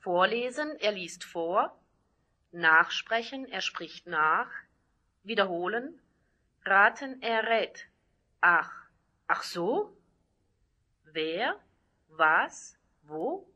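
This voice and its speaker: A woman slowly reading out a German vocabulary list, single words and short example sentences with pauses between them. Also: fairly high pitch, sharp tone.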